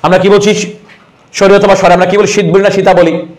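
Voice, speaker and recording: Teasing high-voiced man teaching grammar. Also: level tone, fast talker. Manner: rhetorical questions, answers them himself, teasing. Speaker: exam prep teacher. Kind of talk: online grammar class.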